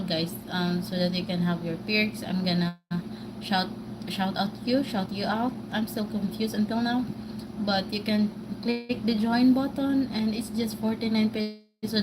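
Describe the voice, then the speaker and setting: Over heavy background noise, a mid-range female voice rambles through a live-stream rant to viewers. She's a vlogger from the Philippines with a Bisaya accent who keeps stopping on fillers and restarting.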